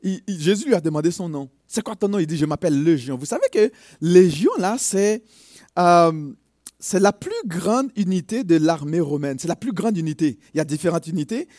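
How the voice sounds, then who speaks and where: Fervent high-voiced male preacher. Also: lively intonation, moderate pace, darkish tone, dry recording, clean studio sound. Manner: emphatic, rising to fervent exhortation. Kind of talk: sermon.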